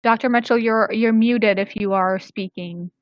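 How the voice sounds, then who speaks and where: A woman's voice: medium pitch, steady tone, moderate pace, no room sound. A woman hosting a webinar over a video call, moderating the questions with frequent hesitant fillers. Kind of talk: moderating a live Q&A. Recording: dry, dull video-call audio.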